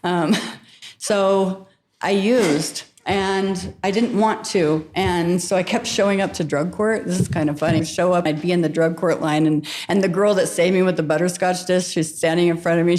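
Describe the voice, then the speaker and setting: Podcast guest, middle-aged woman, low voice, frank storyteller who laughs easily. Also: steady tone, moderate pace, darkish tone. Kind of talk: candid storytelling.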